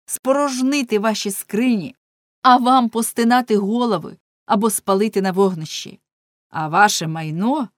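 A woman voicing a fiery young male prankster who loudly and urgently harangues a crowd. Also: mid-range voice, dry recording, clean studio sound, close to an everyday voice. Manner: loud, urgent, indignant preaching.

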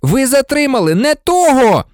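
A reader voicing a desperate, indignant teenage boy wizard in a storybook, in a high, urgent voice. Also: expressive, a little fast, no room sound. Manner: urgent, pleading, shouting. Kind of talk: audiobook reading.

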